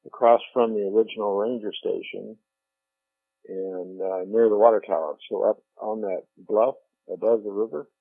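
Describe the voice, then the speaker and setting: Older man, halting reminiscing, raspy, unscripted interview answers, dry muffled phone line. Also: on the low side, fairly even intonation, dry recording. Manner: halting, reminiscing, with pauses and repeats. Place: on a telephone call. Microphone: telephone. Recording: muffled telephone line with electrical hum.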